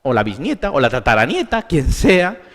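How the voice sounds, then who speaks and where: A man's voice: fairly high pitch, huge pitch swings, normal speed, fairly bright tone, in a large hall. A man with a Spain Spanish accent, a therapist giving an emphatic conference lecture full of rhetorical questions. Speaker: therapist giving a symposium talk. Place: conference hall.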